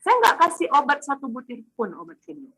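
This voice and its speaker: Over a video call, a woman gives a casual, animated testimony, acting out her family's dialogue as she goes. Her voice is high-pitched and brisk, and the audio is poor.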